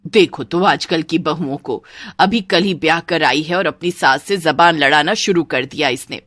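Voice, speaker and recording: Woman plays a bossy cartoon mother-in-law, lower voice, drawn-out scolding lines, dry. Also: a bit bright, dry recording. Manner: nagging, slow and commanding. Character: stern scolding middle-aged mother-in-law. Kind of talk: cartoon story voice acting.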